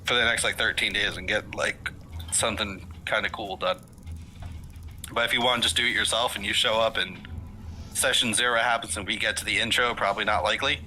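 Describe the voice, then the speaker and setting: A man's voice: lowish voice, fairly even intonation, a little fast, sharp tone, a little hiss or hum, low-quality recording. A man running a tabletop game and chatting casually with his players on a voice call, rambling with lots of fillers and self-corrections while hiccuping. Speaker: game master. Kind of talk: casual session-zero chat with players.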